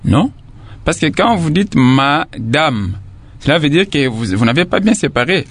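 A man's voice: fairly high pitch, big pitch swings, moderate pace, husky. A man teaching a lesson, patiently repeating and sounding out syllables one by one. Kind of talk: classroom lesson explanation.

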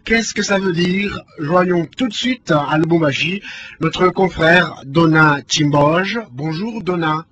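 Male radio news presenter, somewhat high. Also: unhurried, fairly bright tone. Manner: formal read news, stumbles in live questions. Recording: dull lo-fi broadcast with faint noise.

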